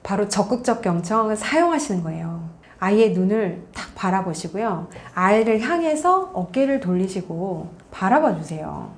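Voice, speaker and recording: 부모에게 대화법을 강의하는 여성 상담가로, 엄마와 아이의 말을 직접 흉내 내며 차분하게 설명한다. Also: female voice, medium pitch, big pitch swings, normal speed, few pauses. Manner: warm instructive, acts out parent and child lines. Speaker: parenting counselor. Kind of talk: parenting lecture.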